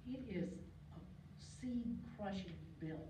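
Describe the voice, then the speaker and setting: An older woman, invited to talk about local birds, chats her way through an informal slide presentation at a podium, wandering off topic, saying um frequently, and clearing her throat. She takes it slowly, her mid-range voice showing lively intonation. Captured from her podium mic by a far-off camera in a lecture hall, the recording sounds distant, echoey, muffled, and noisy.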